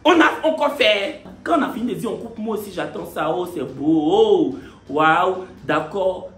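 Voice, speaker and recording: A man telling a story in a playful, animated way and laughing often. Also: high-pitched, normal speed, reverberant. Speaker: vlogger. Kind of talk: casual storytelling.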